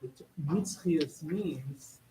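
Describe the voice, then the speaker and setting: A man's voice: fairly high pitch, drawn-out words, crowd noise, rough recording. A man in a class discussion, insistently arguing his point. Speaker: student.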